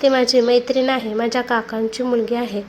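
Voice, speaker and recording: Woman voicing a relaxed joking college boy, storybook, higher-pitched. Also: fairly quick, a little hiss or hum, natural voice. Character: easygoing young male college student.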